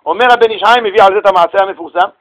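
A man with a high voice delivers a lively religious lesson, acting out scenes as he tells them. He swings between loud exclamations and hushed, intimate asides. The sound has the feel of a radio broadcast. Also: rough recording. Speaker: rabbi giving a Torah lesson. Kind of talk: lively sermon with storytelling.

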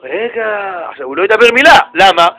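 A man giving a Torah lesson, asking questions and telling parables in an animated way. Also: sits high. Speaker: rabbi teaching Torah.

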